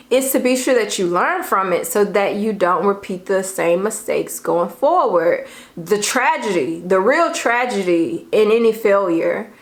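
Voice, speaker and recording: A playful young woman talks straight to camera in a relaxed vlog. Her pitch sits in an ordinary middle range, and she keeps things light, laughing easily and circling back to repeat her main point. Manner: chatty and playful, laughs often, repeats lines for emphasis. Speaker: relationship vlogger. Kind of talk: casual talk to camera.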